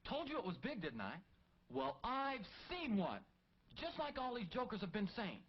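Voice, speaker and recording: An actor playing an excitable man pitching a get-rich scheme to his sleepy partner, animated and eager, on a dull 1960s film soundtrack. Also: normal speed, slight background noise, full character voice. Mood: excited. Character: excitable male hustler dreaming of riches.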